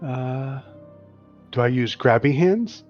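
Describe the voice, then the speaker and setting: A man acting as game master for a tabletop game narrates scenes and calls for rolls in a mid-range, expressive, slightly mellow voice at a slow pace. His descriptive delivery is full of "uh" fillers and restarts, heard through slightly dull, lo-fi stream audio with faint music underneath.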